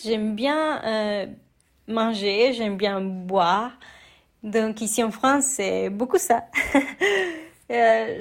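A young adult woman from Mexico with a Mexican Spanish accent, telling her story as an interview guest, hesitant with many fillers and restarts. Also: medium pitch. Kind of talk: interview testimony.

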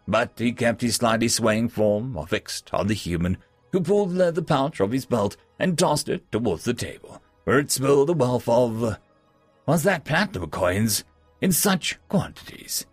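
A man's voice: medium pitch, husky, no room sound. A man narrating a fantasy story as a storyteller.

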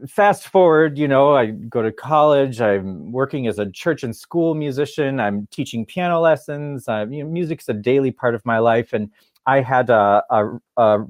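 A man's voice: medium pitch, animated, moderate pace, no room sound, studio quality. Chatty man from Michigan. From Michigan, USA. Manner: chatty, laughs often, acts out quoted voices. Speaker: guest, therapist and musician. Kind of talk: casual storytelling interview.

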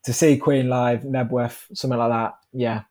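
A man's voice: mid-range voice, little pitch movement, moderate pace, darkish tone. A British man in his twenties chatting casually as an interview guest, informal and laid-back. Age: 20s. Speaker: podcast guest, professional cyclist. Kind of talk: casual chat.

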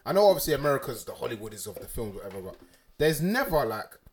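A young man from Ghana hosting a casual podcast chat, animated and full of slang, his voice leaping up when he makes a point. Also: fast. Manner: animated, London slang, jumps up in pitch when making a point. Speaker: podcast host.

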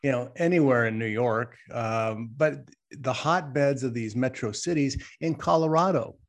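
A man with a medium-pitched voice and moderate pace co-hosts a talk show, pushing his opinion emphatically. He fires off rhetorical questions and keeps asking "right?" in casual, opinionated talk.

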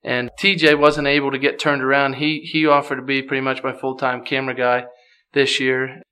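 Man, podcast guest, casual chat, relaxed with lots of fillers, bright tense tone. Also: mid-range voice, brisk, clean tone. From Pennsylvania. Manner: easygoing, many "you know" fillers.

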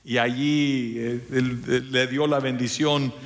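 A male pastor delivers a sermon to his congregation. He preaches emphatically, often calling out to the listeners, and sometimes slips English words into his speech. His voice sits at an ordinary middle pitch for a man. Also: fairly even intonation, slow pace, a little hiss or hum. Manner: drops English words into Spanish.

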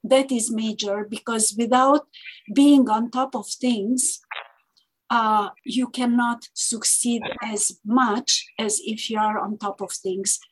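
A woman co-hosting a podcast in casual chat, speaking haltingly with frequent fillers and restarts. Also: on the high side, steady tone, husky, low-quality recording. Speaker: podcast co-host.

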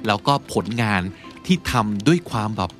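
A man hosting a podcast, teaching English words in a chatty, casual way and reading example sentences slowly. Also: on the low side, animated, soft background music. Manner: chatty, explains with slow read-out example sentences. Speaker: podcast host. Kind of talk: casual English vocabulary lesson.

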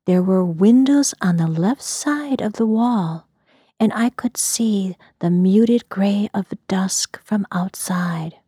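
A woman from the US Midwest telling a story in a soft, breathy whisper. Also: mid-range voice, slow, dry recording, studio quality.

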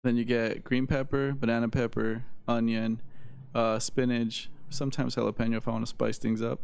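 A man's voice: medium pitch, flat delivery, moderate pace, gravelly, darkish tone, clean tone, no room sound. A man with an American accent chatting casually with friends in slangy, profane frat-bro talk. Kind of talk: casual chat among friends.

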